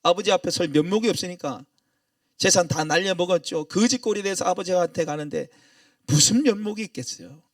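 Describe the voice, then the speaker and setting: High-voiced Gyeongsang pastor preaching. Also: male voice, fairly quick, dry recording, clean studio sound, recorded from a distance. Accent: Gyeongsang Korean. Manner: emotional storytelling with acted-out quotes. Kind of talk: sermon.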